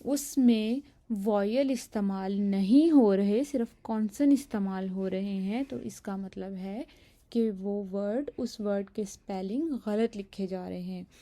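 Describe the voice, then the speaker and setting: A woman's voice: mid-range voice, warm tone. A woman teaching a language lesson, explaining pronunciation patiently and step by step.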